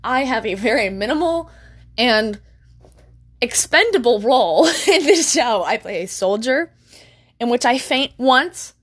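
A young woman talks loosely to her viewers from home, her voice sitting a touch high. She rambles, giggles easily and keeps stopping to correct herself mid-sentence. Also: a bit bright. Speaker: vlogger. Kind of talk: casual chat to viewers. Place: at home by a window.

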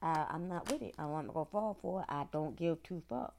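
Gravelly woman ranting bluntly. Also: sits low, brisk, a little mellow, a little hiss or hum. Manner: blunt, profane, venting with bursts of laughter. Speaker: podcast host ranting. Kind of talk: casual ranting monologue.

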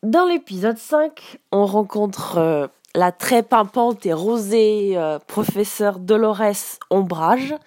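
Slow, hesitant woman explaining a lesson. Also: mid-range voice, expressive, a little mellow, no room sound. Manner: explains slowly with many hesitations. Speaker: English teacher. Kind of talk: casual spoken lesson.

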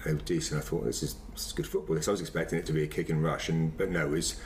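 A man, chatting casually about his past in a rambling, halting way, often repeating phrases. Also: very deep voice, fairly even intonation, darkish tone, a little hiss or hum. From Wiltshire, England. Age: 50s. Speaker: former semi-professional footballer being interviewed. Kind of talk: casual reminiscing chat.

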